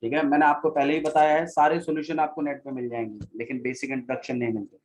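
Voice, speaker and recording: A man's voice: medium pitch, little pitch movement, quick pace, poor audio. A male maths teacher giving a classroom lecture, repeating key phrases and quizzing his students as he goes.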